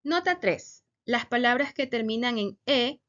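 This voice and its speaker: A woman teaching a Spanish grammar lesson, speaking slowly and deliberately and stressing each example word. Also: fairly high pitch, expressive, fairly bright tone, dull audio.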